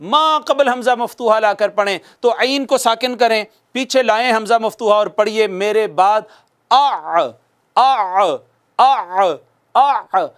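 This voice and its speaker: A man's voice: sits high, fairly bright tone, clean tone. A man teaching a recitation class, patiently repeating sounds and asking questions that he answers himself. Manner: patient, repeats sounds slowly for students to copy. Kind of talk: recitation lesson.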